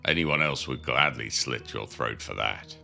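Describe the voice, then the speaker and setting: A male actor plays a seasoned convict with an extremely low, gravelly voice. He is a worldly, cynical prison inmate in an audio drama, speaking matter-of-factly with a forceful edge over background music. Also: a little slow, full character voice. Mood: matter-of-fact, advising. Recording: music under the voice.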